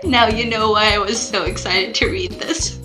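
A woman on a tabletop game podcast reading a mock charity announcement with deadpan dark humor. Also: mid-range voice, normal speed, echoey room, over music. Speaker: podcast player.

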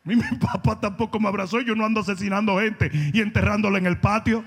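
A man's voice: high voice, steady tone, quick pace, a bit bright, big-room sound. A male pastor preaching a blunt, confrontational sermon, mocking people and acting out their quoted words in voices.

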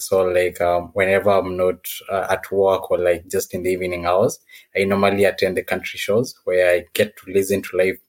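A man from Kenya with a Kenyan accent, giving casual, somewhat hesitant answers as a podcast guest. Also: sits low. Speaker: podcast guest, technology professional.

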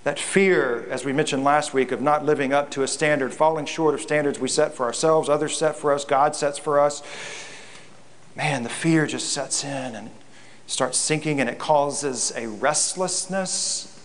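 A man's voice: a little high, normal speed. A man, a pastor, preaching a reflective sermon in a church, often repeating words as he goes.

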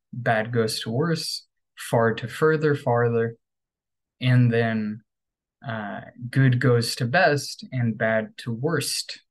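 A man's voice: medium pitch, poor audio. A man hosting a casual English lesson podcast, talking loosely with lots of "um" and "right?". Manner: relaxed, filler-heavy, frequent "right?". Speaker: English teacher, podcast host. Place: home bedroom workstation.

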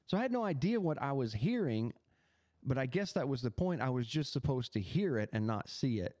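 Male podcast host, mid pitch, dry close sound, animated testimony full of restarts. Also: fairly quick, no room sound. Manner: animated storytelling with many restarts.

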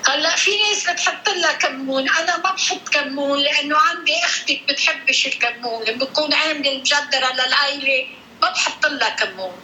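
Casting: mature Lebanese woman, motherly and explanatory, piercingly bright tone, casual phone chat over faint background noise. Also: high-pitched, brisk, low-quality recording. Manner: motherly, explanatory, uses endearments and proverbs. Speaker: mother on a call with her grown daughter.

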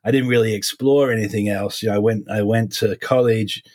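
A man in his forties with a slight Essex English accent softened by American years, chatting casually as an interview guest in halting, repetitive phrasing. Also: lowish voice, steady tone. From suburbs of London, England (Essex), then Florida from age 12. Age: 40s. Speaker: guest, criminal defense lawyer.

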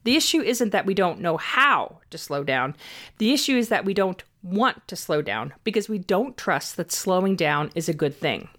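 Female self-help host, mid-pitched, upbeat and tidy, delivering scripted practical tips with emphasis on key words. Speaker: host giving self-help advice on anxiety and mindfulness. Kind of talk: scripted advice narration, tips addressed to the listener.

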